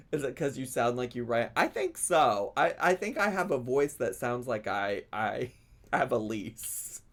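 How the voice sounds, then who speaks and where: Hosting a gossip commentary show that reacts to clips, a man is chatty and sassy, laughing between remarks. His medium-pitched voice is animated and fairly bright, and he takes it slowly.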